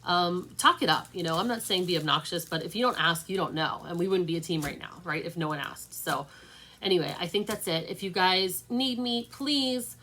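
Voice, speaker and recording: A woman leading her sales team in a casual livestream pep talk, chatty and upbeat, with lots of fillers and warm encouragement. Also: on the low side, moderate pace, a little hiss or hum. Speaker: direct-sales team leader. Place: at home.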